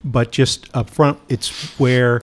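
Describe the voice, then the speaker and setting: A man's voice: mid-range voice, fairly even intonation, slow. Upbeat male podcast host. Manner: upbeat, introduces guests and segments. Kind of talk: casual podcast chat.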